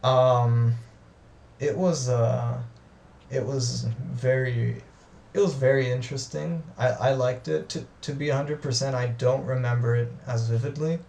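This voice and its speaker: A man being interviewed in casual conversation, talking haltingly with many restarts and fillers. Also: mid-range voice, fairly even intonation, gravelly, darkish tone. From grew up in the US, Australia and Israel. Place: lives in Israel. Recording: roomy far-off audio with faint noise.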